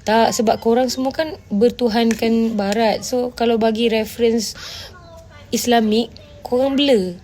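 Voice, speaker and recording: A woman's voice: on the high side, fairly even intonation, measured pace, a little mellow, slight background noise. A woman with a Malaysian Malay accent hosts a casual livestream, answering viewer comments bluntly and mixing Malay with English while she scolds her audience. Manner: blunt and scolding, often asks "faham tak?".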